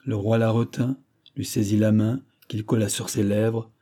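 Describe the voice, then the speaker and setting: A male reader narrating a classic novel in a measured, expressive audiobook style. His voice is very dark and mellow in tone. It also carries a husky, breathy grain. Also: on the low side.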